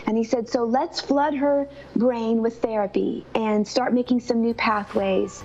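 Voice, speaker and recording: A woman's voice: a little high, steady tone, a little slow, darkish tone, slight background noise. A woman telling a personal story of faith in an earnest, conversational way. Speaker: mother telling her daughter's illness story. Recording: slightly dull, lo-fi sound.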